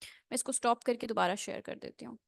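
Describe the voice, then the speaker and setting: A woman teaching English pronunciation in an online class, switching between Hindi and English, drawing out model phrases slowly and checking in with students often. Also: on the high side, creaky, no echo, studio quality. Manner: slow, drawn-out model phrases, with frequent check-ins. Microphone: computer mic on a screen-shared video call.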